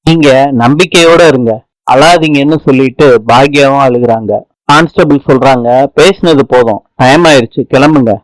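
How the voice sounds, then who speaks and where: A man's voice: fairly high pitch, no echo, rough recording. A man narrating a TV serial episode recap in casual colloquial speech, reading out every character's lines in his own voice.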